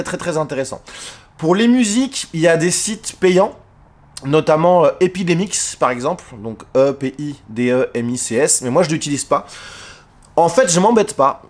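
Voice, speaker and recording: A man talking straight to camera in a casual video tutorial, chatty and informal with many fillers and restarts. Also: a little high. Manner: addresses the viewer informally. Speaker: YouTuber giving tips. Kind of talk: casual face-cam tutorial. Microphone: face cam.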